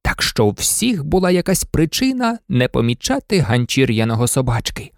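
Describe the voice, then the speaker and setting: Expressive male storybook narrator. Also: mid-range voice, moderate pace, no room sound, clean studio sound. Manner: lively, expressive. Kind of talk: children's storybook reading.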